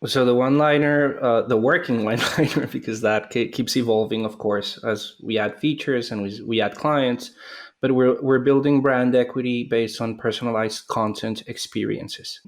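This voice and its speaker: A man's voice: mid-range voice, steady tone, moderate pace. Thoughtful Colombian-born male founder. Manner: thoughtful, with hesitations and restarts. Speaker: startup founder, guest. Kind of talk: interview answers.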